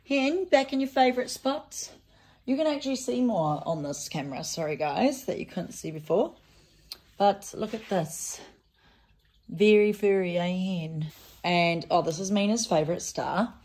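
A woman's voice: lowish voice, darkish tone. A woman vlogging casually at home, filming on a handheld camera and chatting with filler words and baby-talk to her cats. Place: home, indoors. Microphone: handheld camera and phone.

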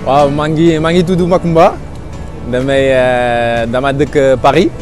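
A young man answering a street interview on a busy outdoor avenue, steady and thoughtful. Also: mid-range voice, measured pace, faint music behind.

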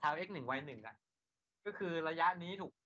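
Man, engineering lecturer, bright forceful voice, slightly high pitch, rhetorical questions, lo-fi recording. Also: expressive, normal speed, husky. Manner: asks students rhetorical questions, then answers them himself. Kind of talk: classroom lecture.

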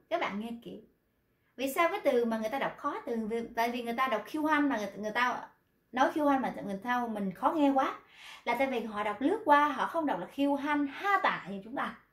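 A woman teaching a pronunciation lesson, patiently explaining step by step and repeating her examples. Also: high-pitched. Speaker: Korean language teacher. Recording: roomy echo.

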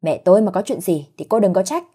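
A woman's voice: mid-range voice, lively intonation, quick pace, mellow, husky. A woman voicing an angry young husband.

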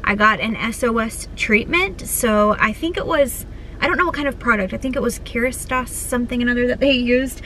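A woman's voice: on the high side, fairly quick, pushed and bright, a little hiss or hum. A woman in her thirties, a lifestyle vlogger, talking to a handheld phone camera in a chatty, upbeat way with frequent laughs. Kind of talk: casual vlog talk to camera.

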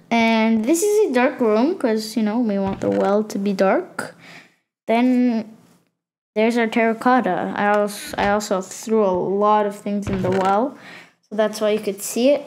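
A woman's voice: on the high side, a little mellow, a little hiss or hum. A woman hosting a gaming channel, giving a casual tour of her game world and stopping often with fillers and self-corrections.

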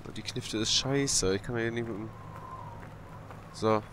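A man's voice: on the low side, a little slow. A man doing casual, slangy, grumbling gameplay commentary over game sounds. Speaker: let's player. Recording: loud game gunfire and vehicle noise. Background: shooter game sounds.

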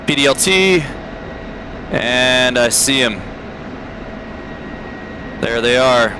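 Man, flight sim player, unhurried casual gameplay commentary, muttering controls over clear engine noise. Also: mid-range voice. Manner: muttering key presses and thinking aloud. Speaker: flight simulator player giving a walkthrough. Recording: steady aircraft cockpit noise behind. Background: game aircraft engine drone.

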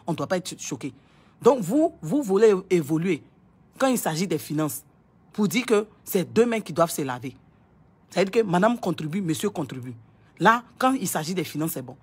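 Woman vlogger, young, husky lowish voice, scolding and emphatic, repeats herself. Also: darkish tone. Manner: scolding, repetitive, emphatic, stammers on repeated words. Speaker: online commentator. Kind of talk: impassioned casual monologue.

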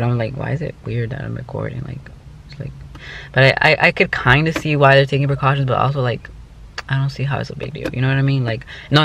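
A man's voice: mid-range voice, fairly bright tone. A young man chatting casually to camera in a rambling, slangy way, recorded on a handheld camera inside a car. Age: teens or young adult. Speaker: vlogger. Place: inside a parked car, some in a classroom. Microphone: handheld camera at arm's length. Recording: noisy car cabin ambience.

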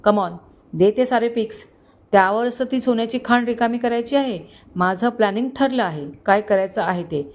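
A woman voicing a cocky, scheming young male con man who speaks calmly and mockingly. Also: a little high, normal speed, lightly acted. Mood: smug. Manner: calm, mocking, smug.

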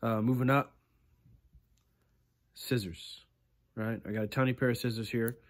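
A man in his thirties hosting a fishing channel, giving a casual walkthrough of his gear close to a phone camera in a small indoor room, relaxed and chatty, often tagging lines with "right?" and "okay". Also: medium pitch, unhurried.

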